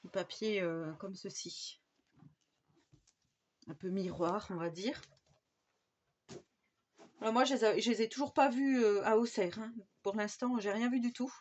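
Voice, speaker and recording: A woman from France talks casually through her new craft papers, pausing and restarting often. The sound is slightly dull, with a faint hiss behind it. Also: mid-range voice, a little mellow. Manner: chatty, with many fillers and restarts. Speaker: scrapbooking YouTuber. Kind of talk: casual craft haul show-and-tell. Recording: slightly dull home recording with faint background noise.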